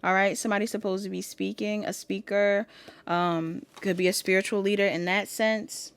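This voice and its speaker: A woman's voice: mid-range voice, flat delivery, normal speed, clear, resonant tone. A woman giving a casual pick-a-card tarot reading, chatting to viewers and reading guidebook text aloud. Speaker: tarot reader.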